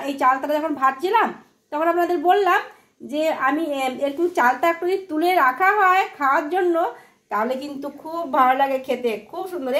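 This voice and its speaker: Lady chatting while she cooks at home, high voice, keeps asking "all right?", roomy sound. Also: fairly bright tone. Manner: chatty, often asks "all right?" to viewers. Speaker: home cooking vlogger. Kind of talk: casual home vlog chat. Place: home kitchen.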